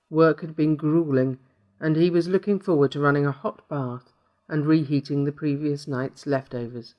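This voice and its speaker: A man narrating a short horror story in a steady, measured way. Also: on the high side.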